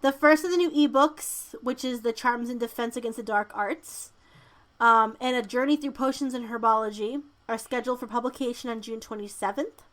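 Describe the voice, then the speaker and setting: A woman's voice: fairly high pitch, normal speed, fairly bright tone. A woman co-hosting a podcast in casual chat, informal and emphatic, sometimes reading out news items. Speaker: podcast co-host.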